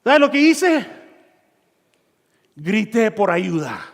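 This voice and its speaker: A man preaching a sermon, telling a personal story and acting out his own shouts and dialogue, in a church hall. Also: high-pitched, big pitch swings, slow, gravelly. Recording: long reverb of a church hall.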